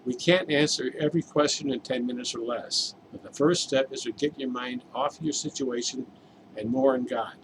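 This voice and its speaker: A man preaching a sermon in a measured, explanatory way, stressing key words as he teaches. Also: medium pitch, background noise.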